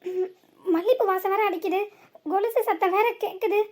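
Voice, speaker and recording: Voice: very high voice, fairly even intonation, moderate pace, darkish tone. A voice actor playing a boastful young husband in a comic cartoon who is secretly afraid of ghosts and stammers when nervous.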